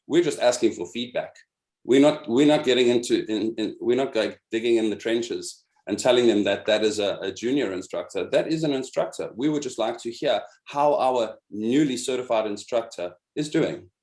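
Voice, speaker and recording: A man's voice: mid-range voice, animated, moderate pace, darkish tone, echoey room. A man leading an online meeting of instructors, patiently explaining a program step by step and often repeating words as he searches for them. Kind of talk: explaining a program on a video call. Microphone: video call.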